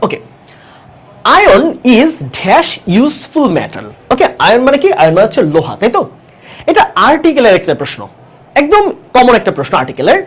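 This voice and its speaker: A woman teaching an exam-prep English grammar lesson, who keeps asking the class check questions and repeats key words slowly for emphasis. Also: high voice.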